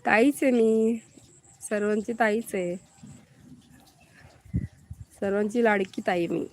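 A woman's voice: medium pitch, takes it slowly, darkish tone. A woman from Maharashtra hosting a live stream, chatting casually and answering viewers' comments as she greets them by name.

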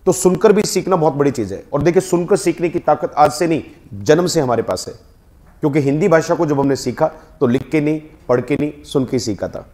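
A man with an Indian accent leads a spoken English class in a classroom. His voice sits slightly high, and he keeps prompting the students to repeat each word after him. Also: animated, fairly quick, warm tone. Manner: drills the class, prompting them to repeat words. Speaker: English teacher.

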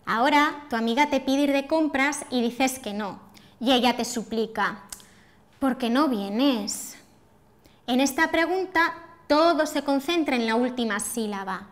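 High-voiced woman teaching pronunciation. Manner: clear, deliberate, demonstrative intonation. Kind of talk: scripted lesson for learners.

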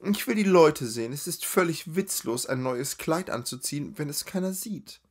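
Guy reading aloud, doing a high chattery spoiled young lady, drawls and gushes, storybook voice. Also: expressive, normal speed, husky. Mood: chattering. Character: giggly vain rich young woman.

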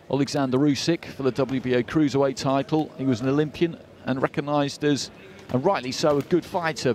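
A man giving live boxing commentary in a measured, analytical way, filling in background as he follows the action. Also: mid-range voice, darkish tone.

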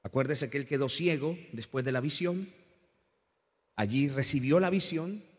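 A man's voice: moderate pace, breathy edge. A man preaching a sermon to a congregation, with passionate rises and drops in his delivery and calls for them to repeat after him. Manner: impassioned preaching, rising and falling in pitch and volume. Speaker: pastor. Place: church hall. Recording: long church reverb.

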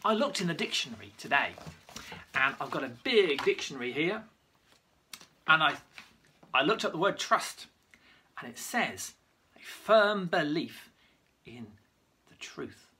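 A bright, sharp-edged voice tells a Bible story with lively energy. The speaker shows props along the way and now and then trips over a name and corrects it. It has the feel of an online worship talk. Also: mid-range voice, a little slow, long pauses. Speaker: church leader giving a children's Bible talk.

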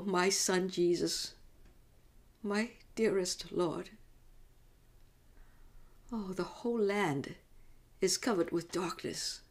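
A woman playing an anguished, devout middle-aged mother in a slow, emotive religious monologue, pleading as she grieves for her son. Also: mid-range voice, a little mellow. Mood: tender sorrow.

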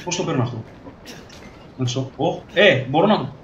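A young man playing a horror game with a friend, excitable and shouting insults at the enemies. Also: fairly high pitch, lo-fi sound. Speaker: co-player. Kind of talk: casual let's-play banter. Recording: echoey, distant, noisy mic.

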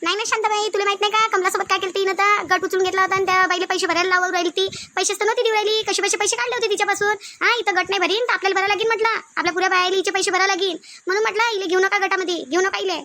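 A woman voicing a loud, quarrelsome village woman in a self-help group cartoon, speaking with a Varhadi Marathi accent in a shrill, threatening, boastful way. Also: steady tone, racing, no room sound. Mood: angry, scolding.

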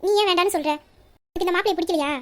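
A woman's voice: very high-pitched, very fast. A woman voicing a young woman who keeps pressing her best friend with insistent questions. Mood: coaxing. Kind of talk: audio story reading.

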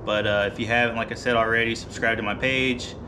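A man in his thirties, a fishing vlogger, casually walking through his gear in a garage, relaxed and rambling with many ums and uhs. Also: medium pitch, fast, noisy background. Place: garage, seated by boat gear.

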